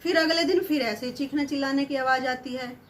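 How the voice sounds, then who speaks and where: A woman's voice: high voice, steady tone, fairly quick, a bit bright, a little hiss or hum. A woman casually telling a story, chatty and musing aloud as she goes.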